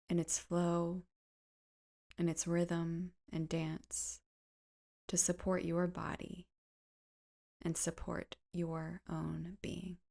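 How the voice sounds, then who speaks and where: Leading a guided meditation, a woman speaks softly and soothingly, her pitch on the low side. She takes her time, and each phrase ends on a breathy note.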